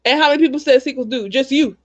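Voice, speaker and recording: High-voiced woman arguing over dull call audio. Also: rapid-fire. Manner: animated, defensive arguing. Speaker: host. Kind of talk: casual chat.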